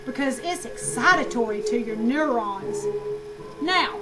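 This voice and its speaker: A woman teaching nursing students in a lively, slangy lecture, asking questions and answering them herself. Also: on the high side, unhurried, over loud music, rough recording. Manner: animated, slangy, asks and answers own questions.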